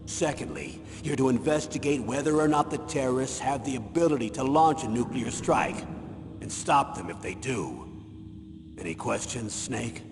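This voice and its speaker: An actor playing a grave military colonel in a video game, delivering a commanding briefing. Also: male voice, mid-range voice, expressive, moderate pace, lightly acted. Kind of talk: scripted video game voice acting. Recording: echoey hall, noisy ambience.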